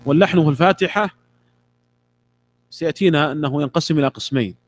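In a classroom lesson on a religious text, a middle-aged man repeats key words and leaves pauses for his students to answer. His voice is a little high, and the recording has no echo.

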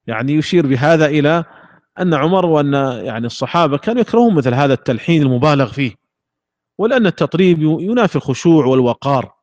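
Guy teaching a religious lesson, slow and explaining, voice a bit high, kinda dull dry recording. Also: animated, a little mellow, no echo. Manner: measured, explanatory, demonstrates recitation examples. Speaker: Islamic jurisprudence teacher.

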